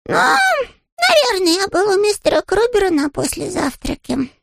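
A tiny earnest bear, squeaky and sing-song, his voice leaping wildly up and down. There is a gravelly edge in it. The recording is dry and close. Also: wildly swooping pitch, measured pace, a bit bright, no echo, full character voice. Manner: eager, innocent and very high. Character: small polite young male bear, earnest. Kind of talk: audiobook character voice.

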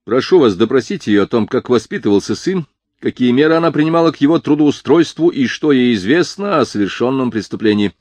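A man's voice: medium pitch, lively intonation, a little fast, a little mellow, dry recording, pitched above the performer's own voice, lightly acted. A man voicing a composed male police investigator who speaks firmly and formally. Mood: official. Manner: firm, formal.

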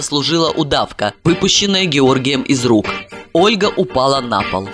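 An audiobook narrator reading a crime story in an expressive, storytelling manner. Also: medium pitch. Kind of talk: scripted narration.

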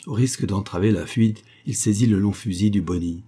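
A man narrating an adventure audiobook with a steady, dramatic reading. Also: lowish voice, fairly quick, slightly rough.

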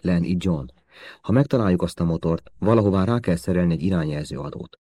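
Man reading brisk male intelligence officer, commanding, low voice, mellow tone. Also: dry recording, studio quality. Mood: urgent. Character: male British intelligence officer giving orders.

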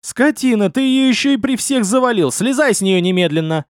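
A man's voice: high voice, wildly swooping pitch, a little fast, darkish tone, slightly rough, no echo, studio quality, pitched above the performer's own voice, full character voice. A man voicing a jealous, fiery young female scout who scolds indignantly, as an audiobook character.

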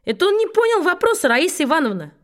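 Lady doing a sneaky little schoolboy playing innocent, high voice. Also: very animated, fast. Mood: sly. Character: sly young schoolboy friend, feigning innocence.

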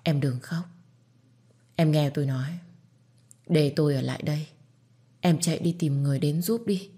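A wounded young man voiced by a woman narrator stays calm and protective and gently insists. The voice sits low and steady, without strain. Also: normal speed, breathy edge. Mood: calm insistent.

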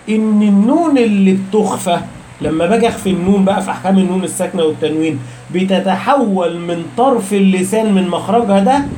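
High-voiced Egyptian man teaching patiently. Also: warm tone, slight background noise. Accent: Egyptian Arabic. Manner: asks rhetorical questions and answers them himself; slows down to stress key terms. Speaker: Quran recitation teacher. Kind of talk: explanatory lecture.

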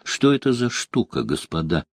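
A man's voice: sits low, big pitch swings, normal speed, slightly rough, no room sound, clean studio sound, heavily acted. A man voicing a fussy, nervous male innkeeper.

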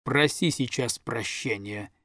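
A man's voice: medium pitch, fairly bright tone, no echo. A man doing a stern, imperious old countess. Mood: reproachful. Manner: slow, commanding, reproachful.

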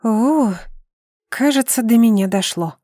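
Brief: a woman narrator for an audiobook, soft mellow tone, calm and measured, dry close sound. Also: a little high, no room sound. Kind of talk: scripted first-person narration.

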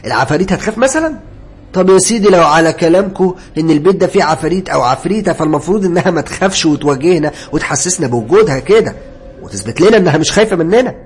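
A man voicing a young male worker who loudly mocks talk of ghosts, with an Egyptian accent. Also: a little high, expressive, rapid-fire, pitched above the performer's own voice, natural voice. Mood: scoffing. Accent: Egyptian Arabic. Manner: loud, mocking.

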